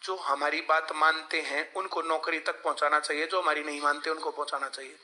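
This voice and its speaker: Guy teaching a class, highish very bright voice, keeps asking if they get it. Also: level tone, a little fast. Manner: lecturing, asks class for replies. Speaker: coaching teacher. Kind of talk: classroom lecture.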